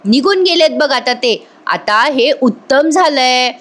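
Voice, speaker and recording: Jovial older patriarch, read by a woman, teasing, slow drawn-out lines, pitched up. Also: expressive, a bit bright, full character voice.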